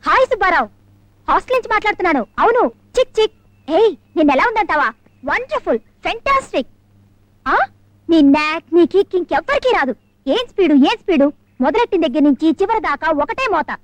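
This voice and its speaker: Brief: giddy, teasing young daughter, very high voice, rapid chatter, dry sound, 1980s film. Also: female voice, very animated, dry recording. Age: young adult. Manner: bubbly, mixes in English words, catchphrase.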